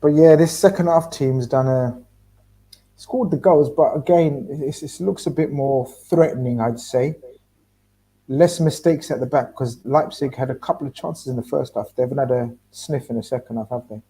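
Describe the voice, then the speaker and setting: A man's voice: medium pitch, normal speed, breathy edge, low-quality recording. A man hosting a football watchalong, commentating live and chatting casually, with sweary reactions to the play. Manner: reacts out loud to the match, sweary. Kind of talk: live match commentary mixed with casual chat.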